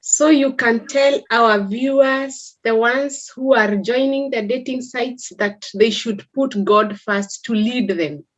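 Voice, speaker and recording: High-voiced host in an echoey room. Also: female voice, takes it slowly, hardly any pauses, dull audio. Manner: upbeat, addresses viewers directly. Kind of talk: hosting an interview.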